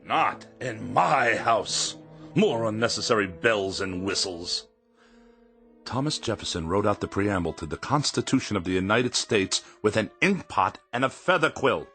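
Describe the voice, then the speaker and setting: A man's voice: fairly low pitch, expressive, measured pace, sharp tone, soft background music, full character voice. A man acting in a radio drama as a haughty, fussy gourmet writer, wordy and emphatic, lonely and fearful underneath. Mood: haughty, irritated.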